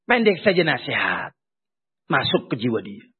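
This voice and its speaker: A man preaching a sermon, swinging between loud emphatic lines and quiet asides. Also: medium pitch, big pitch swings, normal speed, slightly rough. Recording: tinny phone-like sound.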